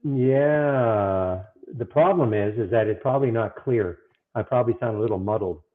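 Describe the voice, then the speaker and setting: A man chatting casually and haltingly, flustered, with many fillers and restarts, his voice muffled as if heard through a wall because it comes through his earbuds. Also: lowish voice. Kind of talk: casual chat. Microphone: earbuds instead of his microphone. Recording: muffled narrow phone-like earbud audio.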